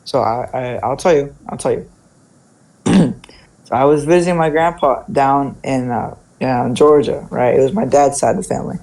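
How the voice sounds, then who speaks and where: A young man with a mid-range, darkish voice tells casual stories at a moderate pace, captured on poor audio. His speech is informal, with lots of "like" and "right?"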